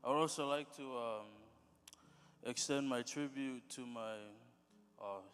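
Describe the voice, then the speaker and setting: A young man on the verge of tears offers a graduation tribute, stopping to clear his throat between words. His mid-pitched voice rings through a large church sanctuary with a long, lingering echo, and soft instruments play beneath. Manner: halting, stops to clear throat and apologize. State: tearful, choking up. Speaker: graduating student giving a tribute. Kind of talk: emotional spoken tribute at a ceremony. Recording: reverberant hall with faint music.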